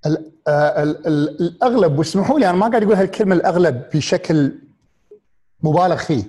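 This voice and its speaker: A man with a Gulf Arabic accent speaks to his audience in a reflective, motivational way, his voice sitting a little higher than most men's. He thinks aloud through rhetorical questions, stopping on fillers and restarting his phrases as he searches for the right words. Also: expressive, quick pace, mellow. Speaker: speaker on happiness and mindfulness.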